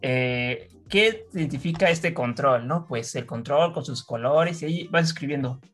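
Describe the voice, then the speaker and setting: A young woman chatting casually, relaxed and often searching for words. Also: extremely low pitch, moderate pace, soft background music. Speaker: interviewer. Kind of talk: casual chat.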